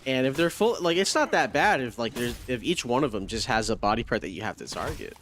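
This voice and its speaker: A man streaming a video game with very lively, swinging pitch. He chats to himself in casual, sweary slang and is prone to excitable outbursts. There is faint noise and game ambience behind him. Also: quick pace. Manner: profane, slangy, talks to himself. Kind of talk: casual live gameplay commentary.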